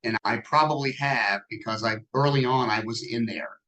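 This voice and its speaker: A sixty-year-old man talks about his company as a podcast guest. His voice sits in an ordinary middle range, and he speaks in a relaxed, self-deprecating, conversational way. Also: mid-range voice, moderate pace, poor audio. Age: 60s. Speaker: guest business owner. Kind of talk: podcast interview.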